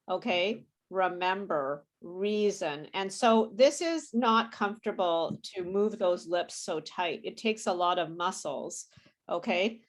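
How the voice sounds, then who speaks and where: A woman with a standard American accent who teaches pronunciation in a casual, encouraging way, demonstrating sounds word by word. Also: mid-range voice. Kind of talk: casual online class teaching.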